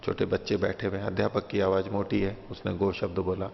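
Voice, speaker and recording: A man's voice: deep voice, completely flat delivery, fairly quick, gravelly, slight background noise. A male teacher patiently explaining a philosophical text to a class, taking each point in turn and repeating it with simple examples. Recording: muffled, with long hall reverb.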